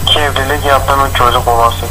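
A man's voice: medium pitch, fairly even intonation, fast, very noisy. A man talking casually over a walkie-talkie radio.

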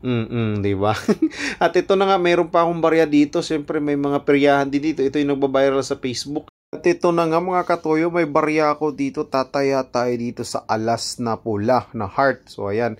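A man's voice: fairly high pitch, moderate pace. A man vlogging casually at an outdoor night carnival, joking about himself and laughing often, recorded on a phone camera. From Philippines. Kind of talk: casual vlog narration.

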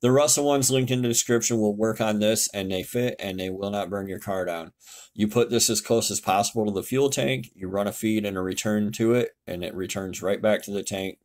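A man's voice: on the low side, brisk, a little mellow. A man giving a casual, blunt tutorial over a screen share, swearing now and then and correcting himself as he goes. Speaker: car tech YouTuber explaining fuel systems. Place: home, indoors.

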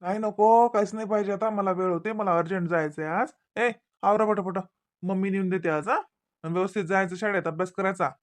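A woman doing a hurried cartoon dad. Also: mid-range voice, steady tone, natural voice. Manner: hurried, dismissive. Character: hurried father leaving for work. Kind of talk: cartoon voice acting.

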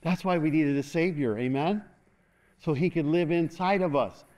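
A middle-aged man preaching with a fairly high voice. He moves about a large church stage as he speaks. He keeps calling out to the congregation for amens. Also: normal speed. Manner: animated, moves about the stage, call-and-response asking "amen". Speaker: pastor. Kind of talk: sermon.

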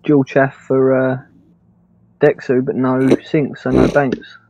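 A man's voice: mid-range voice, completely flat delivery, slow pace, creaky, a little mellow, no room sound. A man in game voice chat with a mid-range voice. He teases a teammate and reels off tactical details. His mic sounds dull and lo-fi. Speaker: gamer in voice chat. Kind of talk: casual gaming chat.

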